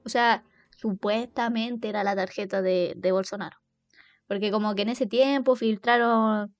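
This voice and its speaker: A woman's voice: on the high side, a little mellow, dry recording, highs cut off. A young woman with a Chilean accent telling funny stories about herself in a casual, slang-heavy monologue. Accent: Chilean Spanish. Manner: chatty, self-mocking, heavy slang, quick laughs. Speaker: podcast host.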